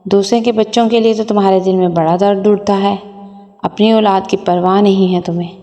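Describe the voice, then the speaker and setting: A woman's voice: medium pitch, fairly even intonation, warm tone, long reverb tail, lo-fi sound, soft background music, close to an everyday voice. A woman voicing a resentful, jealous young wife and mother who speaks reproachfully.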